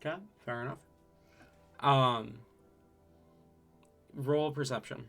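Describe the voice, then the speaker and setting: A man running a tabletop game as game master, narrating casually and haltingly. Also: medium pitch, fairly even intonation, vocal fry, a bit bright, soft background music.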